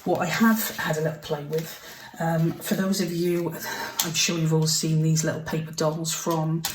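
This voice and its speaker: A woman's voice: deep voice, fairly even intonation, normal speed, noisy background. A woman talking through a casual crafting tutorial at her home desk, chatty and apologetic, sometimes dropping to a half-whisper. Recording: roomy, mic set far off, kitchen clatter behind.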